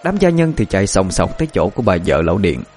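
Man, horror story narration, dramatic, low voice, lively intonation. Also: fast talker, soft background music.

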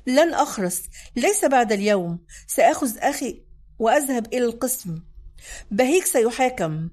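A woman reading the lines of a defiant young daughter in a dramatic audiobook, urgent and forceful. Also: fairly high pitch, expressive, moderate pace.

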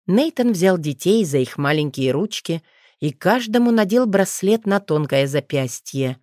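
A woman with a low voice reads a fantasy novel aloud as an audiobook. Her telling is even and measured. The recording is dry and close. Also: no room sound. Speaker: narrator. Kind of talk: audiobook narration.

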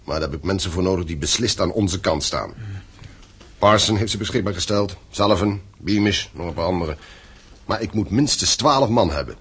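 With a low-pitched, husky, slightly bright voice, a male actor gives a full character performance in a Dutch radio play. He plays a stern, domineering middle-aged father who owns a mine, sounding commanding, reproachful and businesslike, animated and brisk.

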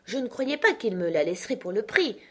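Une lectrice qui fait parler une femme âgée, pratique et grondeuse, qui sermonne son frère. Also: female voice, medium pitch, very animated, fairly quick, bright, forceful tone, slightly rough, voice pushed up, full character voice. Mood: proud. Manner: fussing, reproachful. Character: scolding, practical older sister, a woman.

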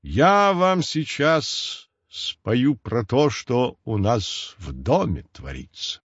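A man's voice: medium pitch, sing-song, extremely slow, a bit bright, husky, no echo, full character voice. A ginger storybook tomcat with a mustache, as a male narrator plays him, holds forth solemnly and sighs heavily over his household's troubles. His voice sits a little above the narrator's own. The recording is dull and dry, with no room sound. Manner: solemn, sighing, sly.

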